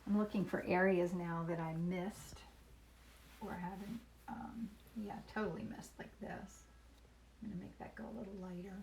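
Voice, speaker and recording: A woman painter talks through her live painting demo, musing aloud in a soft, chatty way. Her voice carries a gravelly creak. A faint hiss sits under the recording. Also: lowish voice, fairly even intonation, moderate pace.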